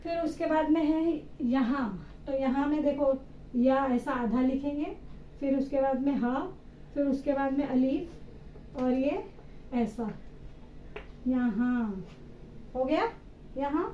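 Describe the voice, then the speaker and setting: A high-voiced woman teaching a children's reading lesson at an unhurried pace, spelling out each letter in turn. She asks a question and then answers it herself. The recording sounds roomy and a little dull, with faint ambience behind her. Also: slight background noise.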